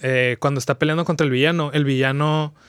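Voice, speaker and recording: A man's voice: on the high side, steady tone, quick pace, a bit bright, smooth, no echo, clean studio sound. A young man with a Mexican accent, a podcast guest chatting casually and retelling a story in a rambling, slangy way with many restarts. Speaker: podcast guest, video creator. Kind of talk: casual chat, retelling an anime plot.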